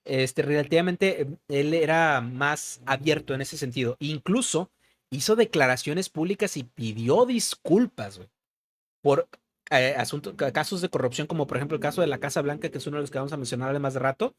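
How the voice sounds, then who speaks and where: A man's voice: fairly high pitch, lively intonation, fairly quick. A young man with a Mexican accent, co-hosting a casual political chat and dropping "güey" constantly. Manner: slangy, peppers talk with "güey". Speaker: podcast co-host.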